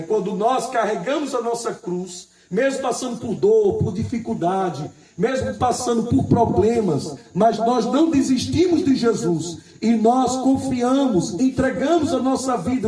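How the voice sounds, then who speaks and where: Male preacher, high voice, repetitive and emphatic, recorded roomy and from a distance. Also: expressive, warm tone. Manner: repeats phrases, asks the congregation "Amém?"; reads scripture slowly and with emphasis. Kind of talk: sermon.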